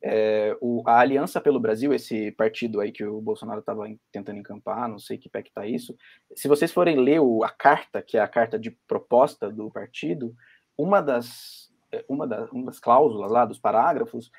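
A man's voice: mid-range voice, a little fast, creaky, a little mellow, husky. A Brazilian man with a Brazilian Portuguese accent, talking on a video-call panel and thinking aloud with many fillers and restarts. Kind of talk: academic panel discussion.

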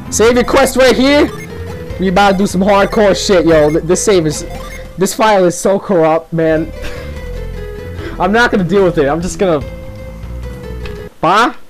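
The recording is rough, and the man's voice is high. He rambles through casual gameplay commentary as he plays, swearing freely and laughing a lot.

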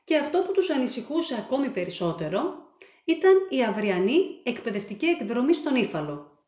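A woman with a fairly high voice reads a children's picture book aloud, shaping each line with lively storytelling. The room around her is noticeably echoey. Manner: expressive, animated storytelling. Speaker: storyteller and author.

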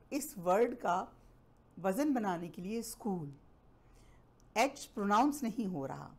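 A woman teacher from Pakistan walks through an English lesson at an unhurried pace. She spells words out one letter at a time and reads each example sentence slowly and deliberately. Her voice sits at an ordinary middle pitch. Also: a little mellow. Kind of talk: classroom lesson explaining English in Urdu.

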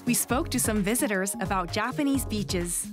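A woman giving calm, measured scripted narration for a documentary, with music underneath. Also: medium pitch. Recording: voice-over with music bed.

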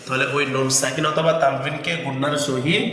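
A man's voice: medium pitch, level tone, sharp tone, far from the mic, slight background noise. Man teaching recitation in an echoey hall. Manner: slowly drawn-out sung recitation between spelled-out explanations. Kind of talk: step-by-step tajweed lesson with chanted recitation.

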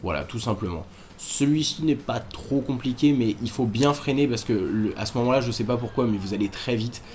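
A man's voice: mid-range voice, brisk, a little mellow, faint music behind. A man hosting a game walkthrough, talking casually and correcting himself as he explains moves to viewers. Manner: chatty, self-correcting, addresses viewers directly. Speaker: gaming walkthrough host.

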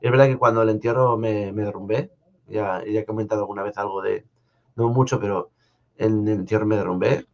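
A young man from Spain hosting a live stream from a home studio, talking in a soft, halting way with many restarts as he answers viewers. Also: lowish voice, steady tone. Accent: Spanish from Spain. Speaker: live-stream host reading viewer comments. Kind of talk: casual live chat. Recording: slightly dull lo-fi stream audio.

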